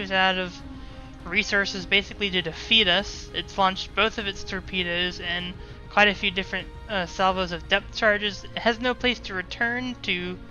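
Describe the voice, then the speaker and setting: Live gameplay commentary comes from a woman who hosts gaming videos, explaining every move and command as it unfolds. Her medium-pitched voice sounds pushed and bright. Behind her, game music and engine sounds come through a muffled, narrow-band recording.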